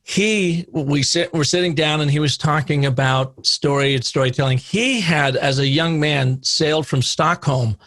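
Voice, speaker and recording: A middle-aged man telling an anecdote as a podcast guest, lively, acting out the dialogue in it. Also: on the high side, moderate pace, few pauses, no echo. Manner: animated anecdote teller, acts out quoted dialogue. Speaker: guest, storytelling consultant. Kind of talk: podcast interview storytelling.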